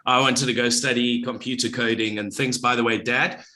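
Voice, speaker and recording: A man's voice: medium pitch, steady tone, moderate pace, bright, forceful tone. A middle-aged man, a former radio presenter, speaking as a guest on a podcast in a confident, well-projected delivery. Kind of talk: podcast interview.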